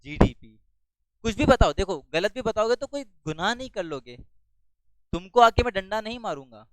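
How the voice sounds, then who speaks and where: A male teacher giving a classroom lecture. He talks loudly, asks the class questions and then answers them himself. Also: high voice, smooth, no room sound, rough recording.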